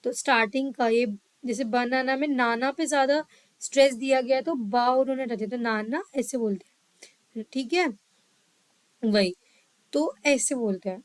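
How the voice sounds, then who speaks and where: A woman teaching a psychology lesson, reading English lines slowly and explaining them in quicker Hindi, often checking in with her listeners. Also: fairly high pitch, no room sound, poor audio. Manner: checks in with "ठीक है". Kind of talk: lecture mixing Hindi and English.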